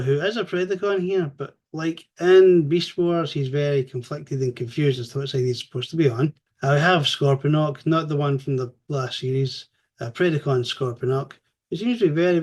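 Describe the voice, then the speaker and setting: Guy rambling thru a cartoon review, chatty, swears a bit, mid pitch. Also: a little mellow. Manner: chatty, rambling, sometimes crude; self-correcting, frequent fillers. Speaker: host reviewing an animated series. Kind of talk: casual spoken review.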